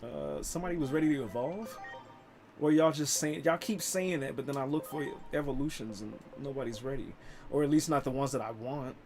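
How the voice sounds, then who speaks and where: A man's voice: mid-range voice, fairly quick, over music. A man streaming a video game, chatting casually and joking with some swearing. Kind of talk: casual gameplay commentary.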